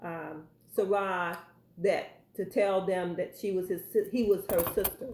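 A woman's voice: fairly low pitch, fairly even intonation, measured pace, a little mellow. Woman teaching bible study, keeps asking right?, echoey room. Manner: explains and checks with listeners. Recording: roomy echo.

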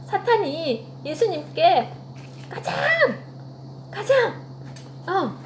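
A woman's voice: very high-pitched, very animated, drawn-out words, darkish tone. A woman giving a children's sermon, telling the story with animation and asking the children questions. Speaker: children's ministry teacher. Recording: echoey room with faint hum.

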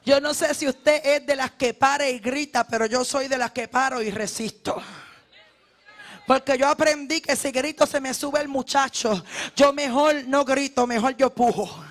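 A woman evangelist preaching a fervent sermon, often shouting, speaking straight to her congregation. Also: high voice, normal speed. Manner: direct address to the congregation.

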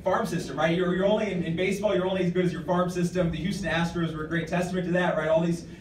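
Accepting an award at a podium indoors in a hotel function room, an American nonprofit director in his thirties speaks informally and haltingly, often repeating himself. His voice sits high, with fairly even intonation. The podium microphone is captured by a camera in the audience, so the room sounds distant and echoey, with clear background noise.

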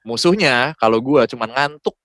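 A man's voice: medium pitch, moderate pace, a bit bright, no echo, studio quality. A young adult man with a Jakarta accent, a guest voice-over talent chatting casually and mixing in English words. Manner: colloquial, peppered with English words. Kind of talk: casual podcast chat.

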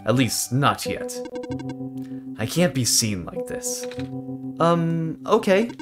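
A man voicing a calm, formal, damaged prototype robot in a video game, speaking in a flat, precise way. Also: on the high side, slow pace, pitched above the performer's own voice. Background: guitar music.

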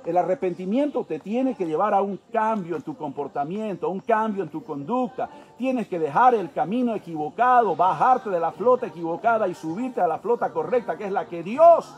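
A man with a Bolivian accent preaching a sermon, telling a story in an animated way straight to his listeners. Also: high voice, normal speed, few pauses.

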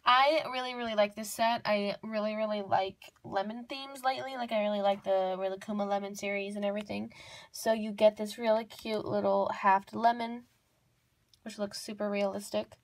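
Young woman, mid pitch, dry close sound; casual gushing show-and-tell narrator who doubles words for emphasis. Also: steady tone, moderate pace, no room sound. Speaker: toy unboxing vlogger. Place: indoors at a table. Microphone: off-camera voice over hands-on tabletop close-up.

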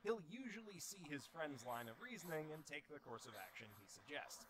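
A man narrating a scripted video essay in a lively, wry, analytical way. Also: fairly high pitch, fairly quick, crowd noise, low-quality recording.

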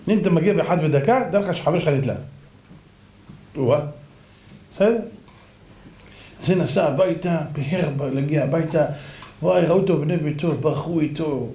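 A rabbi giving a storytelling sermon, acting out the characters with big swings in pitch and sudden shouts. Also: male voice, reverberant. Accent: Israeli Hebrew.

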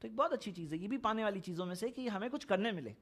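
With a high, somewhat bright and husky voice, the man talks rapid-fire and with lively intonation. He is an Islamic speaker from India in Saudi Arabia, earnestly explaining religious matters in a conversational way and repeating points for emphasis.

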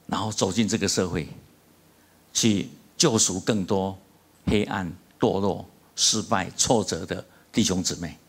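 A man, a church pastor preaching a sermon with passion. His voice climbs high and loud as he tells a story. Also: husky. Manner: impassioned preaching, rising high and loud when telling a story. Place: church sanctuary.

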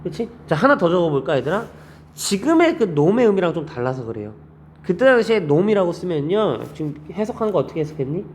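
Lively Korean teacher quizzing his class. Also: fairly quick, slight background noise. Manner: quizzing students with constant rhetorical questions; lively, animated delivery with frequent pitch jumps. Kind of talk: classroom lecture on Korean grammar.

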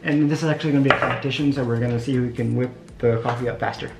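A woman's voice: rumbling low, fairly even intonation, racing, gravelly, very noisy. A young woman hosting a casual home kitchen vlog, chatty and explaining each step as she goes. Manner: chatty, explains steps, laughs often. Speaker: vlog host. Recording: echoey room with music behind.

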